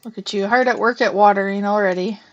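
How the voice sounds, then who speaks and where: On a live stream of a farming game, a young woman talks fast in a steady, medium-pitched voice, with the audio's highs cut off. She's chatty, walks through each move out loud, and hums now and then.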